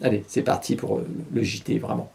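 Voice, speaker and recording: A man's voice: on the low side, level tone, fairly quick, creaky, heavy background noise. A middle-aged man hosting a casual satirical news show, rambling and irreverent, with many hesitations and chuckles. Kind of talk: casual mock newscast.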